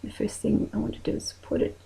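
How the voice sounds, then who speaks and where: A woman with a New Zealand accent talking through a makeup tutorial in a soft voice that often drops to a whisper while she works. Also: fast talker, poor audio.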